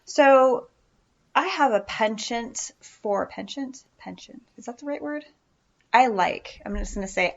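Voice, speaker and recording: A woman co-hosting a podcast, telling a true-crime heist story in a chatty, animated way with fillers and self-corrections. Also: medium pitch. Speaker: podcast co-host. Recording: dull lo-fi sound.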